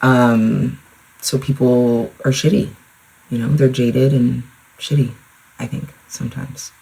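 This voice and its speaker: Chatty young mom, husky voice. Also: female voice, rumbling low, little pitch movement, slow pace, warm tone, low-quality recording. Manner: chatty, rambling, lots of "like", with swearing. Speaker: podcast host. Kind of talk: casual solo podcast chat. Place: at home, in front of a mirror.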